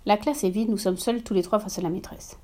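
Mellow-voiced woman reading a story. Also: mid-range voice, fairly even intonation, brisk. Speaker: reader. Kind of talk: scripted story narration.

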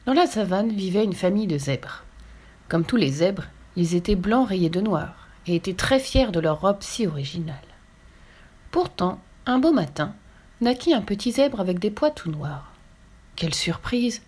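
Woman storyteller reading a kids' picture book, clear and gently expressive, mid-range voice. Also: medium pitch, normal speed.

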